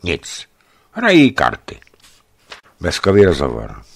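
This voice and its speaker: A man reading a travel memoir aloud as scripted narration, lively, voicing the dialogue with a raised pitch. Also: creaky, breathy edge. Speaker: reader. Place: studio.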